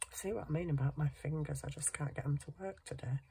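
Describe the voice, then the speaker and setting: Indoors at her cluttered craft table, a middle-aged woman does hand sewing and chats casually, self-deprecating, for her craft channel. Her low, mellow voice is husky and nasal from a cold that has her bunged up and sniffing, with slight background noise present.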